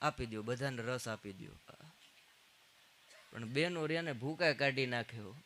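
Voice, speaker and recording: A man telling stand-up jokes on stage, trading quick quoted exchanges before punchlines. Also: medium pitch, fairly bright tone, a little hiss or hum. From Gujarat, India. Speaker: stand-up comedian. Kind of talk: live Gujarati stand-up storytelling.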